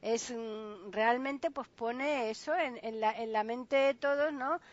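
A woman with a slightly high voice chats casually, hesitating and filling pauses with fillers. The recording sounds dull and lo-fi. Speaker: co-host. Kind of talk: casual chat.

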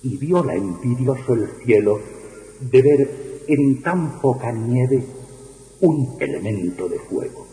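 A man reciting a ballad in a declamatory style, with big swings in pitch on the chanted refrains. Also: animated, slow, dark tone. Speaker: poetry reciter. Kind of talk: dramatic poetry recitation. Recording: echoey hall with long reverb.

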